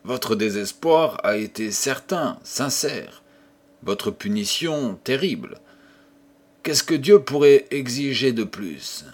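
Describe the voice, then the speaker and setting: A man reading an audiobook and voicing a calm young man who earnestly tries to persuade a madman. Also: mid-range voice, slow. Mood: persuasive.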